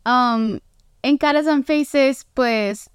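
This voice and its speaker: A woman's voice: sits high, very slow, a little hiss or hum. A woman hosting a casual podcast, a chatty and friendly interviewer. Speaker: podcast host.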